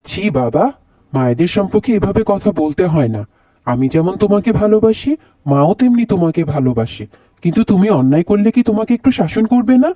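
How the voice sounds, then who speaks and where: A man voicing a gentle, patient cartoon father with a mild, coaxing manner. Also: sits high, very animated, quick pace, no room sound, dull audio. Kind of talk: cartoon voice acting.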